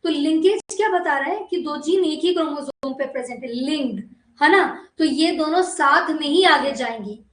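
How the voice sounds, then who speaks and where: A woman's voice: high-pitched, normal speed, echoey room, a little hiss or hum, rough recording. A woman biology teacher lecturing a class, coaxing students and often asking whether they have understood. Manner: coaxing, repeatedly checks understanding.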